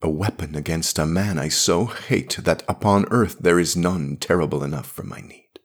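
A man's voice: low voice, normal speed. A man voicing a grim, wary woman warrior. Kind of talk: audiobook reading.

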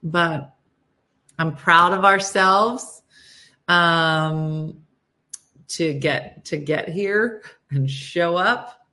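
Low-pitched, listless woman chatting. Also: very slow, long pauses, sharp tone. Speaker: host of a morning livestream show. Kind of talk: casual livestream chat with viewers.

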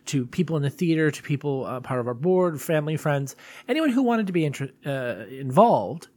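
A man's voice: a little high, big pitch swings, brisk, a little mellow, no room sound. A man hosting a solo podcast in a casual, confessional way, rambling and self-deprecating. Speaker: podcast host.

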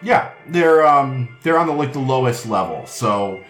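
A man's voice: medium pitch, expressive, unhurried, a bit bright. A man running a tabletop game as game master, explaining things casually and feeling his way through the phrasing. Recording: echoey room with background music.

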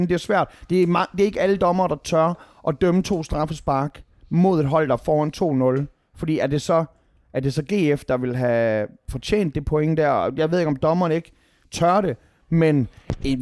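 A man in casual podcast chat about football, animated and swearing often when heated. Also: a little high, no room sound, clean studio sound. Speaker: podcast co-host, football fan.

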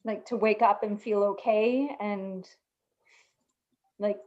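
A woman's voice: medium pitch, steady tone, takes it slowly, highs cut off. A woman speaking as a therapist in a casual podcast panel discussion.

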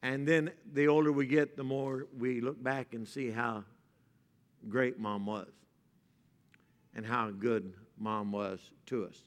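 A man preaching a sermon at a pulpit microphone in a church, moving from joking to a softer, reflective tone. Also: mid-range voice, fairly even intonation, slow. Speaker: pastor. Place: church sanctuary. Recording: reverberant church hall.

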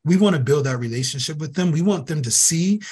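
Speaking fast with an expressive, slightly high voice that has a darkish tone and breathy edge, a man guests on an interview as a youth program director. His earnest, emphatic delivery leans on repeated phrases for emphasis.

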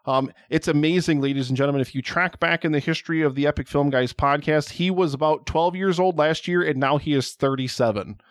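A man's voice: on the high side, brisk, few pauses, dry recording, studio quality. A man hosting a podcast in casual chat, rambling, joking and swearing as he talks about films. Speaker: podcast host.

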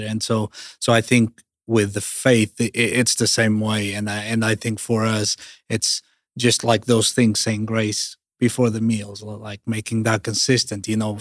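A man speaking in an earnest, measured, reflective way, as a parent giving a testimonial. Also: lowish voice, no echo, clean studio sound. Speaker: parent interviewee.

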